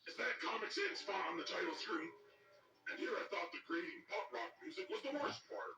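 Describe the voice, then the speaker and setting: An actor playing an irritable, sarcastic werewolf in a scripted comedy game review, complaining with dry insults. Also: male voice, high-pitched, expressive, a little fast, noisy background. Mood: sardonic. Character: sarcastic, irritable werewolf man forced to play bad video games. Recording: roomy, distant, music underneath. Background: music.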